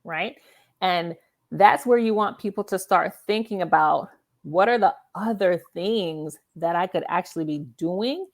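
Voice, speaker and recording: In a fairly low voice at a measured pace, a woman hosts a talk show interview in a conversational style. She explains emphatically and keeps checking in with the listener, frequently asking "right?".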